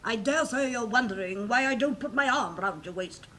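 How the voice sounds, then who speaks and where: A woman acting a moralising, over-familiar storybook Duchess with a husky voice. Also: fairly high pitch, lively intonation, normal speed, pushed and bright. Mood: gushing. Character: gushing, moralising, affectionate, ugly storybook Duchess.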